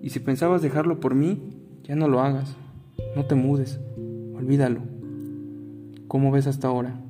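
A man's voice: mid-range voice, flat delivery, moderate pace, in a large hall, natural voice. A man with a Mexican accent voicing a curt, bitter young man in his twenties who has been cheated on. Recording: guitar music playing behind.

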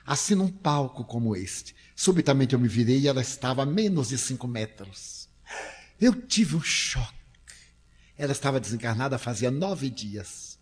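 Older man, Brazilian accent, breathy husky voice, mid pitch, dramatic storyteller acting out quotes. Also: expressive, moderate pace. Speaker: spiritist lecturer. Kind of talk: emotional storytelling lecture. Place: stage before an audience.

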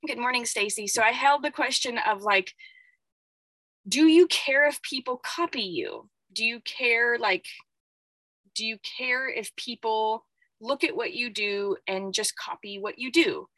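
A woman's voice: a little high, unhurried, dry recording, rough recording. Woman, live-stream talk, rambling, reflective, dry close sound. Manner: rambling, thinking out loud with many fillers; reflective, self-examining.

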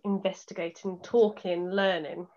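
A woman interviewer asks questions and shares her own experiences in an eager, searching and halting way. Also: on the low side, level tone, darkish tone. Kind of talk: curious interview chat. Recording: slightly dull lo-fi sound.

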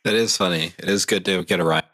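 A man co-hosting a casual podcast, speaking in a deadpan, monotone sarcastic way. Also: low-pitched, fast talker. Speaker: podcast co-host.

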